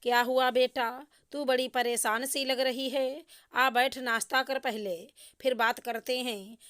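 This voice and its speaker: A woman's voice: high voice, fairly even intonation, measured pace, fairly bright tone, clean tone. A woman voicing an indulgent, short-tempered father who scolds his wife. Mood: fond.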